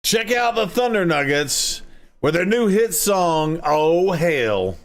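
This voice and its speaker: A man putting on the voice of a loud, bouncy male radio ad announcer, giving a sales pitch. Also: sing-song, slow pace, full character voice. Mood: hyped.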